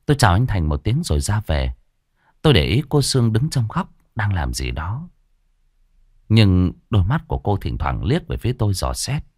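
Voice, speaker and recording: Low-voiced man narrating a horror story. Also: moderate pace, no echo, clean studio sound. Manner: dramatic, expressive storytelling.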